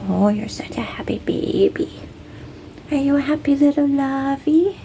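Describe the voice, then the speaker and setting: Woman, high voice, unhurried, soft cooing baby talk, frequent whispers, noisy hissy recording. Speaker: cat owner. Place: at home with a cat.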